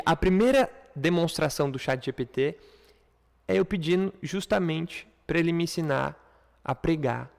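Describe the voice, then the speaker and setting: A man's voice: fairly high pitch, gravelly, in a large hall. A man with a Brazilian Portuguese accent teaching an English lesson in a direct, chatty way, talking straight to the viewer. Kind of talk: casual online lesson.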